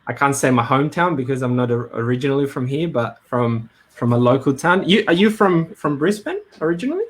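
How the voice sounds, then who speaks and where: Hosting a live webinar in Brisbane, this man talks briskly in a mid-range voice with big pitch swings. He's casual and hesitant, using many fillers and restarts in his live-stream talk.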